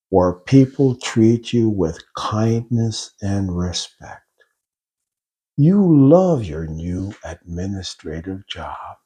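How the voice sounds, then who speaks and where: A man leading a guided hypnosis session in a slow, soothing, drawn-out way, counting down into trance. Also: mid-range voice, dark tone, husky.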